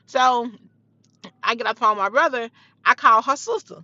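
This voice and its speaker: A woman's voice: fairly high pitch, moderate pace, sharp tone, no room sound, lo-fi sound. A young woman telling a heated personal story in a blunt, profane, casual way.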